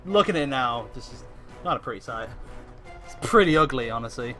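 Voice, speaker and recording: A man's voice: mid-range voice, animated, brisk, music in the background. A man running a tabletop game as game master, narrating the action in a hesitant, apologetic way, full of fillers and restarts.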